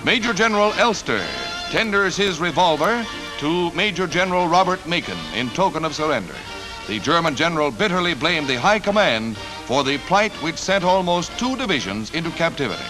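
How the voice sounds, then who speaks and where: A man's voice: on the high side, animated, brisk, low-quality recording. A man narrating a 1940s newsreel with a punchy announcer delivery and wry quips. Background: music score.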